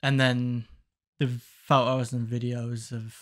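A young man co-hosts a casual podcast from a small home studio, chatting and telling crude stories in a laid-back way. His voice is medium-pitched with little pitch movement, and he takes his time. He speaks into a studio mic on a boom arm and wears headphones.

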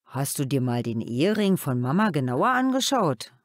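A woman voicing a gentle, thoughtful father who talks calmly and a little sadly, in a children's audiobook. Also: low-pitched, moderate pace, no echo, clean studio sound. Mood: reflective. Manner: calm, reflective storytelling.

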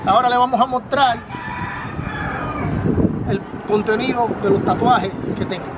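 High-voiced Dominican man vlogging outdoors. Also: fairly even intonation, normal speed. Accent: Dominican Spanish. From Dominican Republic. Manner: earnest, repetitive, addresses viewers directly. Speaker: family channel host. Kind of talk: casual vlog explanation to camera. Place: outdoors by a storefront on a city street. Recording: street noise outdoors. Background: city traffic.

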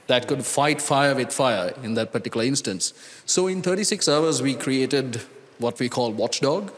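A man, speaking as a panelist at a conference, earnest and deliberate, pausing and restarting as he thinks, into a handheld mic on a large hall stage. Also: medium pitch. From Sri Lanka. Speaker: conference panelist, data scientist. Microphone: handheld microphone. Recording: reverberant conference hall sound.

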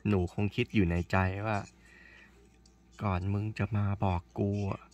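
A woman chatting slowly and dotingly to her cat in a teasing, affectionate way, humming between phrases. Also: a bass voice, fairly even intonation, darkish tone. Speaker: vlogger talking to her cat. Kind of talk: casual chat addressed to a pet.

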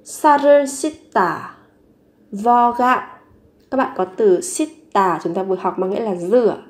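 A woman teaching a vocabulary lesson, saying each word three times slowly before explaining it. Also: medium pitch, a little mellow. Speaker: language teacher.

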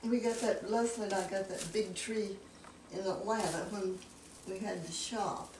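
An older woman chatting casually about her home, relaxed and a little hesitant. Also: mid-range voice, moderate pace. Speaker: homeowner. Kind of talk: casual chat. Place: inside a house. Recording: roomy sound from far off the mic, faint noise.

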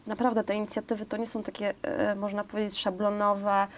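A woman's voice: mid-range voice, monotone, a little fast, background noise. A woman in her thirties, a guest in a TV studio interview, talking earnestly with many fillers and piling up examples. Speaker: volunteer program guest. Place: TV studio, seated on sofa.

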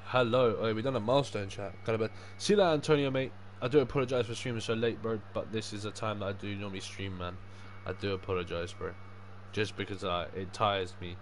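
A young man with a fairly low voice talks casually as he livestreams a game. His speech is loose, sweary and packed with matey slang. There is clear background noise and game ambience under his voice. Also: fairly even intonation, fairly quick, hardly any pauses. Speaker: livestreaming gamer. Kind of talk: casual livestream gaming chat.

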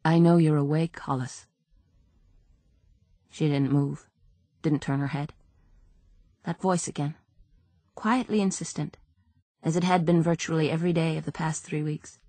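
Low, husky woman narrating. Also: fairly even intonation, moderate pace, long pauses, warm tone, dry recording. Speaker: audiobook narrator. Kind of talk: scripted narration.

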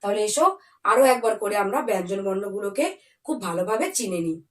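A woman teaching young children the consonants, reciting letters and rhymes slowly and carefully in a drawn-out sing-song. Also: mid-range voice, recorded from a distance. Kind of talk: children's alphabet lesson.

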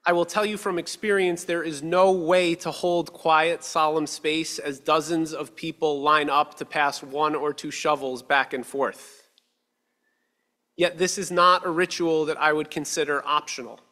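A male rabbi in his thirties giving a measured, earnest sermon at a lectern with a stand mic, slowing down for emphasis. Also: on the high side, steady tone, sharp tone. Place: synagogue sanctuary, at a lectern. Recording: long reverb of a sanctuary hall.

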